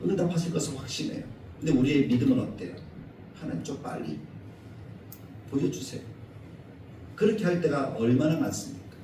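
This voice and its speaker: A male pastor delivering a Sunday sermon in a church, animated, acting out quoted scolding in a raised voice. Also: on the high side, a little hiss or hum. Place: church sanctuary. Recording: echoey church hall, mic at a distance.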